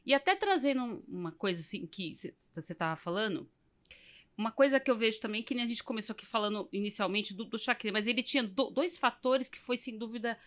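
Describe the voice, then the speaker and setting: A woman with a Brazilian Portuguese accent hosting a casual podcast conversation, telling stories in a halting way with many restarts. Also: on the high side, expressive, fairly bright tone.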